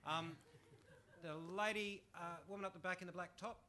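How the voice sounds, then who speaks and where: Dry bright-voiced man moderating. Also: sits high, steady tone, normal speed, a little hiss or hum. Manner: dry, joking. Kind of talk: moderating a panel. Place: conference hall.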